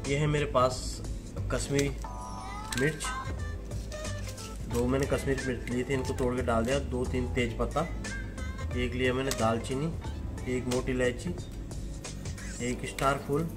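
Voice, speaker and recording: Man explaining a cooking recipe. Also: mid-range voice. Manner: plain step-by-step explaining. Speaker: chef. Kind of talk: cooking demonstration narration. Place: kitchen.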